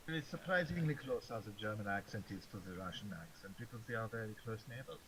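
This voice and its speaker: A man's voice: lowish voice, lively intonation, quick pace. A man playing a tabletop game, casual and joking with his friends. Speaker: player. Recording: faint hiss.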